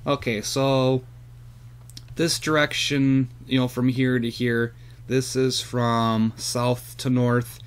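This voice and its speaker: A hobbyist vlogger casually shows off his radio antenna setup, rambling hesitantly with plenty of fillers, first outdoors on a handheld camera and then at a computer. His voice is medium-pitched and clean-toned, with a flat delivery at a slow pace.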